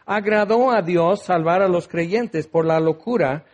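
A man preaching a sermon, lively and acting out the voices of the people he quotes. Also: sits high, measured pace, muffled recording. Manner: animated, acts out quoted voices.

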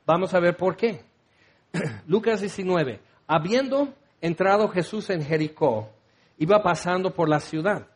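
A man's voice: high-pitched, animated, measured pace, breathy edge. A man preaching a sermon, rambling and joking as he acts out the scene with voices. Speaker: pastor.

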